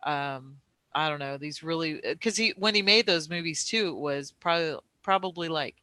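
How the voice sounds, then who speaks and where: Bright, crisp-voiced man chatting loosely. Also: on the high side, moderate pace, no room sound. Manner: rambling, hesitant, many fillers and restarts. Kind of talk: casual conversation.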